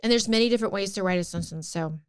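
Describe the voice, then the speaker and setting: A woman's voice: medium pitch, rapid-fire, smooth. A woman in her late thirties co-hosting a podcast, chatting casually and agreeing often. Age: 30s. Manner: agreeable, constant short affirmations. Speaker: podcast co-host. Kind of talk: casual chat.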